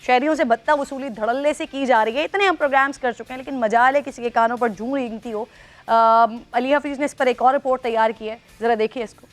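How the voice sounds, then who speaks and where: A woman's voice: a little high, soft background music. A woman, hosting a news show in a conversational anchoring style. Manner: conversational, with fillers.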